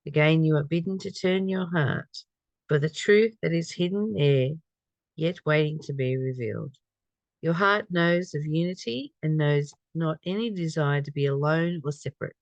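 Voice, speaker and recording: A spiritual study reader with a medium-pitched voice speaks at normal speed in a dry, muffled recording with very little room sound and no echo. The delivery moves between reading aloud and informal reflection, often repeating a phrase or asking the listener a question.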